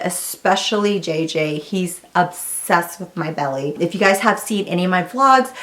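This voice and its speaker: A woman in her thirties giving a candid, chatty pregnancy update to her viewers. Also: medium pitch. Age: 30s. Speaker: vlogger. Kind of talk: casual pregnancy update vlog.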